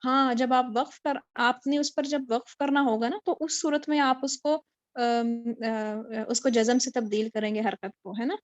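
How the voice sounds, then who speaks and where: This online tajweed lesson features a woman whose voice is on the high side with fairly even intonation. She teaches Quran recitation patiently from home over a video call, checking her students follow, and the video call mic recording is dry and lo-fi.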